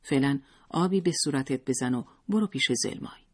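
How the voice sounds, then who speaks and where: A man's voice: medium pitch, husky, natural voice. A man reading a story aloud and voicing a resolute middle-aged woman who speaks firmly and urgently. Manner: firm, urgent, commanding.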